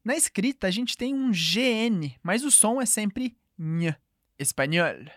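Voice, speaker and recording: A woman teaching a language lesson, clear and patient, slowing down to model each phrase. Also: on the high side, expressive, dry recording, clean studio sound. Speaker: French teacher.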